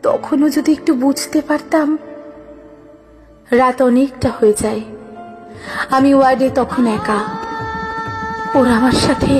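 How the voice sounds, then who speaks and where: A woman's voice: high voice, steady tone, slow pace, pauses often. A woman giving a dramatic first-person monologue in a tearful, pleading way. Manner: tearful, pleading, emotional delivery. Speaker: storyteller. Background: background music.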